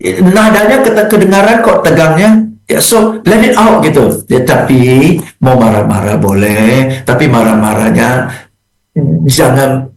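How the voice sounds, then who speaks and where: A man's voice: medium pitch, expressive, a little slow, roomy sound, poor audio. A man speaking as a guest on a radio business talk show, emphatic and rhetorical, often mixing English phrases into his talk.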